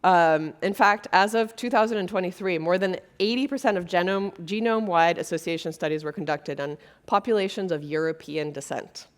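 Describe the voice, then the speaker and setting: A woman's voice: on the low side, brisk, few pauses. A woman from Brazil giving a conference keynote on stage, talking earnestly and conversationally with frequent fillers. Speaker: keynote speaker. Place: conference stage before an audience.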